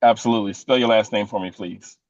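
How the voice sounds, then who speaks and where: A male defense attorney cross-examining a witness in court, pointed and deliberate. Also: fairly low pitch, steady tone, darkish tone, no room sound. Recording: dull, dry lo-fi courtroom audio.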